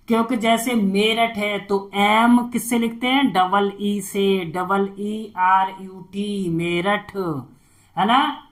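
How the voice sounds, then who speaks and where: Slow Hindi-accented male teacher spelling. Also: high voice, a bit bright. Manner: spells words letter by letter, drawn out; asks questions and answers them himself. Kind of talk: spelling lesson, slow and step by step.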